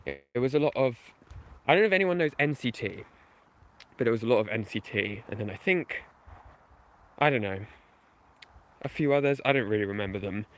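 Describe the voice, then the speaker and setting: Speaking in a medium-pitched, somewhat bright voice, the man is animated and brisk but pauses often. He's a video game history YouTuber walking outside at night and chatting with his livestream audience in a rambling, self-deprecating way, heavy on fillers.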